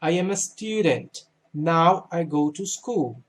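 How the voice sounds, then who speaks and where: A man with a fairly high voice walks students through an English grammar lesson. He talks slowly and patiently. He poses a question, then answers it himself. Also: lively intonation. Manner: patient, explains slowly, asks and answers his own questions. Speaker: English teacher.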